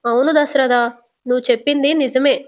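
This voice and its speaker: A woman's voice: sits high, fairly even intonation, moderate pace, a little mellow, close to an everyday voice. A woman voicing a middle-aged aunt making excuses and placating. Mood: evasive. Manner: evasive, placating.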